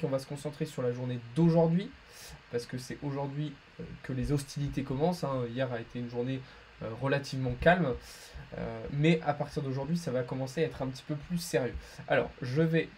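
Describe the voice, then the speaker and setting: A man's voice: on the high side, a little mellow, slight background noise, rough recording. A man hosting a live market analysis stream, chatty and full of fillers and restarts, answering chat questions between chart talk, with a French accent.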